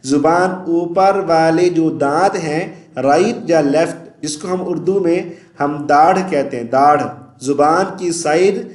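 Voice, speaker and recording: A man with a Pakistani Urdu accent teaching Quran recitation, who explains common mistakes plainly and then chants the verses slowly and drawn out. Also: on the high side, a little mellow. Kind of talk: recitation lesson. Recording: echoey room.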